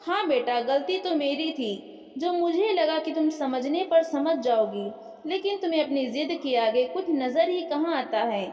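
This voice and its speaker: A woman's voice: sits high, expressive, measured pace, darkish tone, lo-fi sound, soft background music. A woman voicing a stern, wounded father who scolds his daughter with bitter resignation, read in an echoey room. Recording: echoey room with long reverb.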